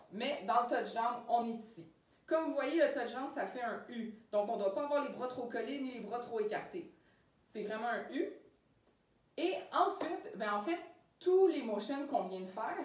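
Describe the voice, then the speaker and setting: Québécois woman, cheer coach, fairly high voice, clear and upbeat, distant mic, echoey room. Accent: Québécois French. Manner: clear, upbeat instructor explaining step by step. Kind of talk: instructional demonstration.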